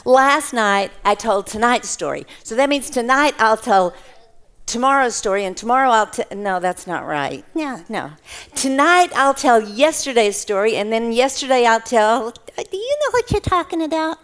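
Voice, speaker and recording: Animated woman telling kids a story. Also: fairly high pitch, normal speed, clean tone. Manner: animated and playful. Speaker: children's storyteller. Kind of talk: children's Bible story time. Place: church.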